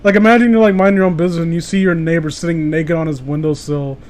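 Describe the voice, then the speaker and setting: A slightly high, darkish male voice moves at a fast clip with fairly even intonation. As co-host of a casual comedy podcast about internet horror tales, he's sweary, jokey and exclamatory, trading relaxed conversation for mocking read-alouds.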